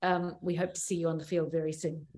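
A woman with an Australian accent hosting a sports podcast, brisk and steering the talk with questions. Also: low voice, level tone, warm tone. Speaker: podcast host.

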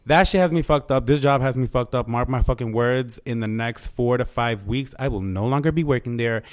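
A man hosts a casual talk show in a mid-pitched voice. He rants in slangy, heavily profane language, sassy and animated, slipping into quoted exchanges as he tells his stories. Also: fairly quick. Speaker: podcast host. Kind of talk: casual ranting monologue to listeners.

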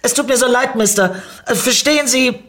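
A woman voicing a nervous, smitten young woman who stammers, with a husky voice. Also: lowish voice, expressive, moderate pace, pitched above the performer's own voice. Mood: flustered. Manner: stammering, flustered.

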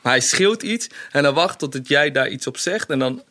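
A man's voice: on the high side, expressive, moderate pace, pushed and bright. A man on a casual podcast who explains his views at length, with many fillers. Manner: reasoned, explains with many fillers like "zeg maar". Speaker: podcast co-host.

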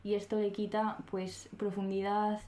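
A woman's voice: medium pitch, completely flat delivery, a little slow, warm tone. Playful young Spanish woman in an echoey room. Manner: playful, chatty, laughs often while retelling scenes. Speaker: podcast co-host. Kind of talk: casual chat.

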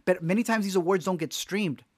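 A man co-hosting a casual movie news podcast, animated and joking with quick asides. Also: sits high, dry recording. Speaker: podcast co-host.

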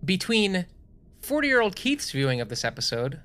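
This podcast co-host, a young adult man, has a high, fairly bright voice whose pitch swoops wildly. At normal speed he chats casually, rambling with enthusiasm and frequently starting over.

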